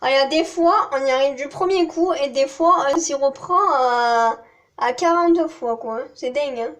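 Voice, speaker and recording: Chatty high-voiced southern French woman. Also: moderate pace. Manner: chatty, rambling, self-mocking with frequent laughs. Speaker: vlogger. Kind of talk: casual vlog chat.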